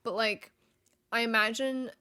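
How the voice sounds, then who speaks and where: A woman in her twenties hosting a casual gaming show, talking excitedly, swearing freely and laughing often. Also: a little high, a little slow, clear, resonant tone. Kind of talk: casual chat.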